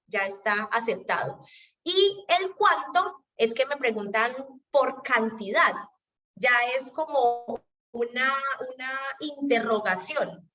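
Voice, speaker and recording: A high-voiced woman with a Colombian accent teaches over a video call, patient and explanatory, often checking whether the class is following. She sounds set back from the microphone, and the audio is dull and muffled. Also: a bit bright, recorded from a distance. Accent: Colombian Spanish. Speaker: teacher leading an exam-prep class.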